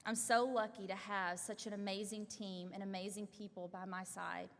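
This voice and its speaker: A woman's voice: mid-range voice, flat delivery, normal speed. Young woman, award recipient, earnest acceptance speech, hall reverb, mid-range voice. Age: young adult. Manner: earnest, heartfelt thank-yous read from notes. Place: large hall at an awards event.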